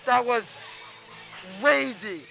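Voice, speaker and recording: A young man calling live hockey play-by-play, excitable and quick, stumbling over names as he goes. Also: very high-pitched, gravelly, faint music behind, poor audio. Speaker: play-by-play announcer.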